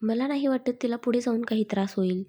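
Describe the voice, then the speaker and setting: A calm young mother who speaks quietly and with contentment, as a female narrator voices her. The tone stays mellow, low in brightness and a little breathy. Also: quick pace, natural voice.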